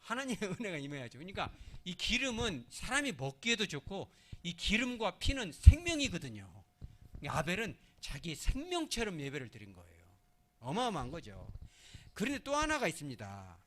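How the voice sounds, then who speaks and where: A male pastor delivers a midweek sermon in an animated, conversational way, his pitch rising and falling widely. He keeps asking the congregation questions and answering them, then drops into soft, hushed phrases. His voice sits a little higher than most men's. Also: a little fast. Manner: acts out little scenes in other voices; swings from loud emphasis to soft, hushed phrasing.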